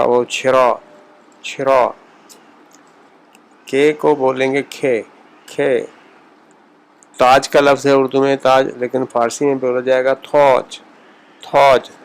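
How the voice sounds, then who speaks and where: A man giving a pronunciation lesson, speaking slowly and repeating example words to model the sounds. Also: medium pitch, gravelly, rough recording. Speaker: language teacher.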